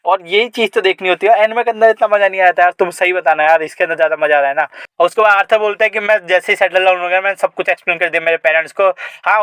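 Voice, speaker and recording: A young man narrating a comic recap in a casual, chatty way, with excited asides to the viewer. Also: on the high side, smooth, no echo.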